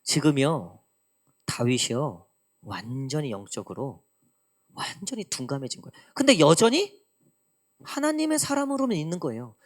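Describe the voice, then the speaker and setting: A woman pastor preaching a midweek church sermon in an animated way, acting out quoted lines. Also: sits low. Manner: animated preaching, acts out God's teasing lines. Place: church sanctuary.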